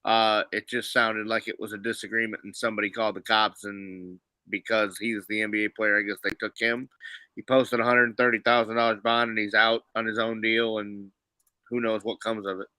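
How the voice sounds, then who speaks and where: Sharp-voiced, matter-of-fact male co-host. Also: lowish voice, flat delivery, a little fast, no room sound. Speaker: podcast co-host. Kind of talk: casual sports chat.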